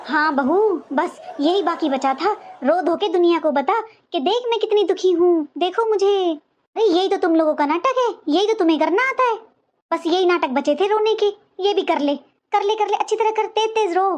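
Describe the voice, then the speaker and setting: A woman voicing a sharp-tongued older mother-in-law in a cartoon, taunting and sarcastic in every line. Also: very high-pitched, moderate pace, highs cut off. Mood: sarcastic scolding. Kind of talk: cartoon voice acting.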